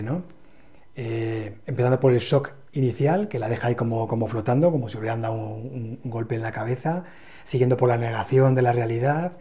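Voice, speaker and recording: A man with a Spain Spanish accent co-hosting a book channel, summarizing novels in a measured, explanatory way. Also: medium pitch, warm tone. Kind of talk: book review chat.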